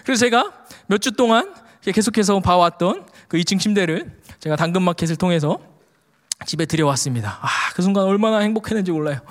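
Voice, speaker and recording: A man preaching a sermon through a personal family story, an animated storyteller who acts out quotes, with frequent "uh" fillers. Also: high-pitched, quick pace. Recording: long reverb of a hall.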